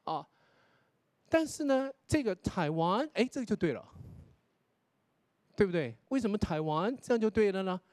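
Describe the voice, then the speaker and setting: A man, a pronunciation lecturer judging a contest, explaining feedback to contestants and often tagging his sentences with a soft "ha". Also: sits high, big pitch swings, moderate pace, pauses often, no echo. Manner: explanatory, demonstrates English pronunciation, tags sentences with 哈. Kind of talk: spoken critique to contestants.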